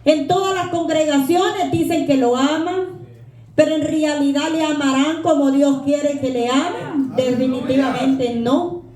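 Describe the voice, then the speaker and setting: A woman's voice: high-pitched, a little slow, darkish tone. Earnest woman preaching in an echoey church. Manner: humble, earnest, conversational preaching. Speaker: lay preacher. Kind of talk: sermon. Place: church sanctuary.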